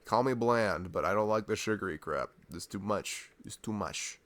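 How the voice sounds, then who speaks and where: A man with a lowish voice speaks at a moderate pace with no echo, playing a boyfriend in an ASMR roleplay. He chats in an intimate, informal way, rambling and ranting, and keeps breaking into chuckles and sighs.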